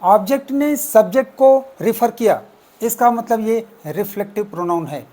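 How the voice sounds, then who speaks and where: An exam coaching teacher explaining test answers, deliberately repeating and spelling out words step by step. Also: mid-range voice, mellow. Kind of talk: explaining exam answers, mixing English terms.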